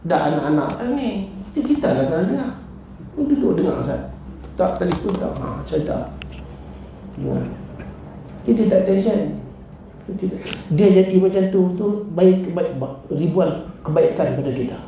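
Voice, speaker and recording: A middle-aged man with a Malaysian Malay accent, preaching in a lively mosque talk that jumps up and down in pitch as he acts out his stories. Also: unhurried, creaky, long pauses. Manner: animated storytelling, acts out his wife and callers. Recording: echoey hall with faint noise.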